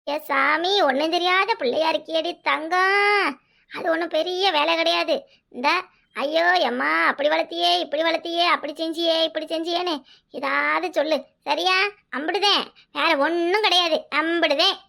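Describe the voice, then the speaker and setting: A performer doing a crafty old village mother, Kanyakumari Tamil accent, very high squeaky voice, gravelly edge, cartoon. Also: normal speed, pushed and bright, full character voice. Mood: scheming. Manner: coaxing, bossy, theatrical wailing. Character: scheming older village mother, crafty and bossy. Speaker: cartoon character. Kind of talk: comic cartoon voice acting.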